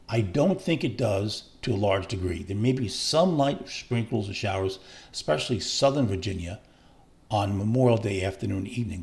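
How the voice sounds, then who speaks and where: A man's voice: lowish voice, creaky, a little mellow. A man walking through weather maps in a chatty forecast, rambling and often correcting himself. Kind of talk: casual forecast walkthrough over maps.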